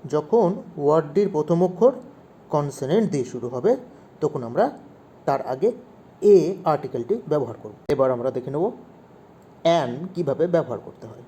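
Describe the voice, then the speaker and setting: Man teaching grammar, mellow voice. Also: on the high side, animated, normal speed, pauses often, a little hiss or hum. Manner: asks questions and repeats key points. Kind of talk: explaining grammar to children.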